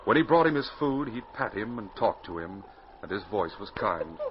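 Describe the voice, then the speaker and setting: Very animated and fairly low in pitch, a man with a North American accent dramatically narrates and announces a 1940s radio adventure at normal speed. The old broadcast sounds muffled and full of hiss.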